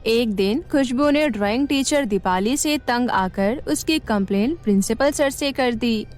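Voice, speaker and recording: A woman reads a cartoon story in a steady, scripted voice that sits a little high. Faint music plays behind her. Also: unhurried. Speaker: narrator.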